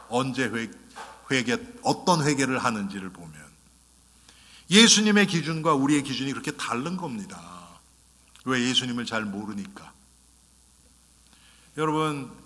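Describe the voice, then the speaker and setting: Bright-voiced male pastor preaching in a hall. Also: medium pitch. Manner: animated, rhetorical questions to the congregation, acted-out quotes. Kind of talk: sermon. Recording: long reverb of a church hall.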